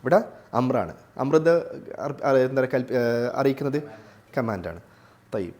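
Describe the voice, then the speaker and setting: A man teaching a class on Quran recitation. He recites Arabic phrases slowly, then explains them in plain terms. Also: medium pitch, animated, a little mellow. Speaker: tajweed teacher. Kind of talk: classroom lesson.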